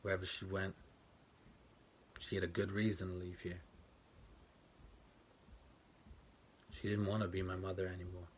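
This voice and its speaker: An actor playing a guarded, bitter grown man who quietly recalls the day his mother left, in a clipped, plainspoken monologue over a home webcam. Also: low-pitched, flat delivery, fairly quick, slight background noise, lightly acted. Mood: resigned. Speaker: actor performing a film monologue. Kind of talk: stage monologue, told to a listener. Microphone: home webcam for an online event.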